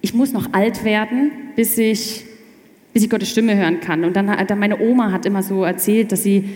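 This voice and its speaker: A young woman telling her faith story in casual chat, animated and quick to restart her sentences. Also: mid-range voice. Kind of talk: personal testimony in casual chat. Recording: echoey room with long reverb.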